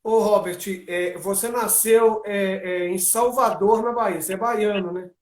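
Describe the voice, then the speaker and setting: A man's voice: sits high, steady tone, a little slow. A man hosting a live-stream interview, friendly and reading out lists, speaking over a video call. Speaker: interview host. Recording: echoey room.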